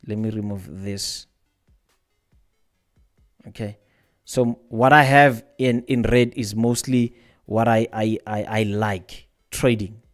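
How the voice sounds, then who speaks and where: A man's voice: lowish voice, steady tone, takes it slowly, pauses often. A man hosting a trading livestream, talking casually and rambling, often repeating his words while answering viewers' questions. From South Africa.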